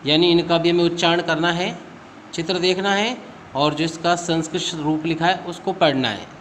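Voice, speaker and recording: A man's voice: fairly high pitch, steady tone, moderate pace, fairly bright tone, slight background noise. A male school teacher giving a recorded class lesson, patiently asking questions and answering them himself. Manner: addresses students as beta.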